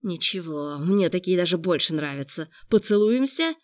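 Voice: mid-range voice, lively intonation, normal speed, dry recording, close to an everyday voice. A reader voicing a predatory young man in an audiobook, with a mocking, jeering delivery. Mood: leering. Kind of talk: audiobook narration.

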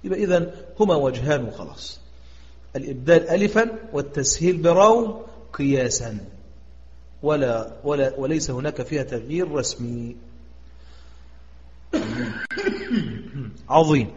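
A man with an Egyptian accent teaching a recitation lesson, quizzing his students and drawing out example words slowly. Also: on the high side, expressive, darkish tone. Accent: Egyptian Arabic. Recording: echoey, dull lo-fi audio.

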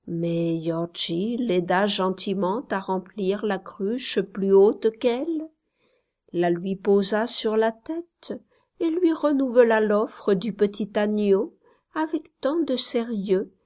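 Slow, measured woman storyteller. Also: medium pitch, darkish tone. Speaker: narrator. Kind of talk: scripted literary narration.

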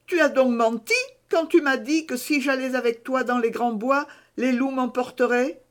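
A woman's voice: high voice, fairly even intonation, normal speed, voice pushed up, close to an everyday voice. A woman voicing a curious, eager little peasant boy in an audiobook reading. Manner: eager, questioning.

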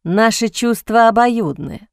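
A woman voicing a cold, cynical aristocratic man in an audiobook, speaking low in a husky, mocking whisper. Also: lively intonation, measured pace, no echo, clean studio sound.

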